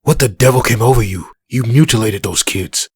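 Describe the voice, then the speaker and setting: A man playing a brooding, violent hellspawn antihero in a comic dub, with a gravelly rasp and a gruff, sarcastic manner. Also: medium pitch, normal speed, a little mellow, dry recording. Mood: resentful.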